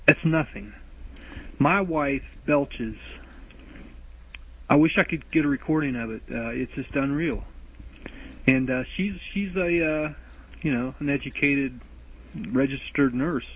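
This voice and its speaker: Calling in to podcast hosts, a man records a voice message that wanders, loops back and starts over as he frets anxiously about his lisp. He has a mid-range, gravelly voice with a breathy edge. The phone voicemail recording sounds tinny.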